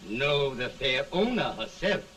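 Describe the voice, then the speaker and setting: Bright-voiced suave gentleman, early talkie. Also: medium pitch, sing-song, a little slow, a little hiss or hum. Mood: courtly, flattering. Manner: courtly, flowery. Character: suave, flattering gentleman politician. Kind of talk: early talkie film acting. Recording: 1930 film soundtrack, distant mic.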